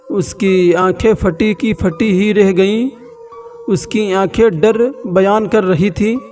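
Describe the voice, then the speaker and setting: A man narrating a scripted horror story slowly and dramatically with long pauses. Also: sits high, a little mellow, recorded from a distance.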